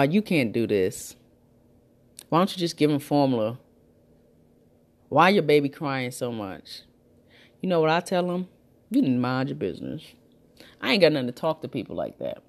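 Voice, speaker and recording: A woman hosting a breastfeeding support talk, giving new mothers emphatic, repetitive, reassuring advice in casual, colloquial speech. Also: low-pitched.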